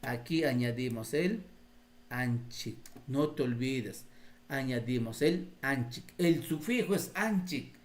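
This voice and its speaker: A man's voice: mid-range voice, takes it slowly. A man with a Peruvian Spanish accent teaching Quechua grammar to teachers in a live class, patiently explaining and quizzing the group.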